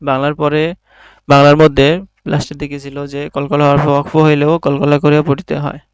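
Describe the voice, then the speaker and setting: Bangladeshi man drilling syllables slowly. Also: on the high side, completely flat delivery, clean tone, no echo. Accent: Bangladeshi Bengali. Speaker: Quran reading teacher. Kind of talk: online recitation lesson.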